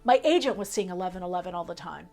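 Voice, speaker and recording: A woman's voice: on the low side, expressive, fast talker, vocal fry, a little mellow, faint music behind. A woman reading tarot for her viewers, talking in a flowing, spiritual way with fillers and long trailing lists. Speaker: tarot reader.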